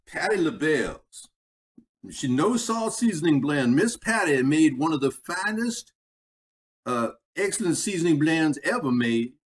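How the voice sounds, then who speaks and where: A man's voice: a little high, distant mic. A man hosting a casual cooking livestream, rambling and chatting with viewers, his voice sounding tinny like a tin can through a built-in computer mic in a home kitchen. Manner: rambling, chatty, talks to chat while cooking. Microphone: built-in gaming laptop mic. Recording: tinny laptop mic, set back, faint noise.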